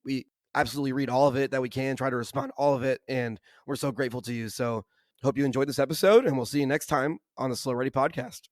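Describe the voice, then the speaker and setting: A hoarse man with laryngitis, co-hosting a podcast in casual, enthusiastic chat full of "like" and "kinda". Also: mid-range voice, fairly even intonation, quick pace, no echo, studio quality. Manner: enthusiastic, uses lots of "like" and "kinda". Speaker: podcast co-host.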